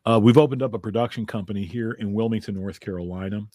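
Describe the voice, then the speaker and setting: A man's voice: lowish voice, quick pace, warm tone, no echo, clean studio sound. A man who is a comedian, talking in a casual interview in a rambling, chatty way and laughing often. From United States. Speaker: comedian guest.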